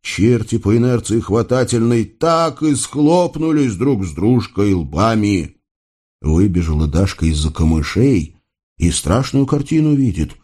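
A man narrating a folk tale as an expressive audiobook reading. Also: fairly low pitch, a little slow, husky. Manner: lively folk-tale storytelling.

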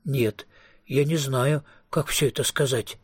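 A husky-voiced man voicing a hungry, whiny young male vampire in an audiobook reading. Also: medium pitch, steady tone, unhurried, no room sound, clean studio sound. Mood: grudging. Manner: whiny, grumbling.

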